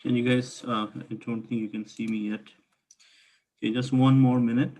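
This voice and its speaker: A man leading an informal online class, speaking haltingly as he thinks aloud. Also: medium pitch, level tone, darkish tone. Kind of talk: informal online lesson, chatting with students.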